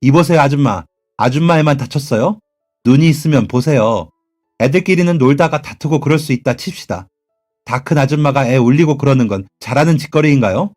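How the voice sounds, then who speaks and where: A man's voice: mid-range voice, animated, fairly quick, darkish tone, natural voice. A combative middle-aged father raises his voice and fires back in a narrated radio story, as a man plays him. His voice sits close to the narrator's own, with faint music behind it. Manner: caring to his son, combative to the mother.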